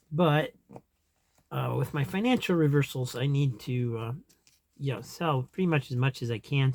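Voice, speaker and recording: A man's voice: medium pitch, a little mellow, a little hiss or hum. A man in casual chat as a comic collector vlogger, rambling, trailing off and chuckling to himself as he goes.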